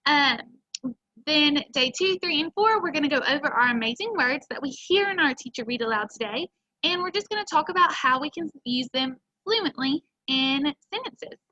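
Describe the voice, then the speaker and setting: A woman's voice: high-pitched, expressive, normal speed, sharp tone, lo-fi sound. A woman teacher speaking to children in an encouraging way, explaining a lesson and then reading a story aloud. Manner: friendly, encouraging.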